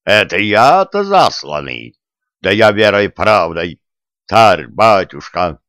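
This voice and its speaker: A man's voice: fairly low pitch, very animated, takes it slowly, fairly bright tone, no echo, studio quality, full character voice. Fawning folksy executioner, read by a man. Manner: wheedling, folksy, pleading. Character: fawning, eager male royal executioner.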